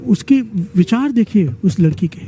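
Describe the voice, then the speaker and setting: A man's voice: sits high, expressive, normal speed, over music. A man giving a devotional sermon, telling stories and urging the congregation to chant responses back to him. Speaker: preacher leading a devotional gathering.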